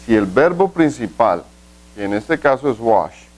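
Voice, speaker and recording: A man teaching an English grammar lesson in a video, explaining step by step, asking the class rhetorical questions, and slowing down to say example sentences carefully. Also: mid-range voice, big pitch swings, darkish tone, rough recording.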